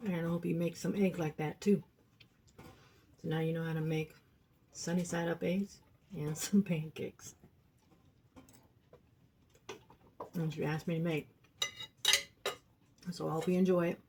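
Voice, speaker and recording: This home cook talks casually as she shows her cooking at home, her mellow voice on the low side with little pitch movement. She speaks unhurriedly, pausing often, over the clatter of pans and dishes in a noisy kitchen.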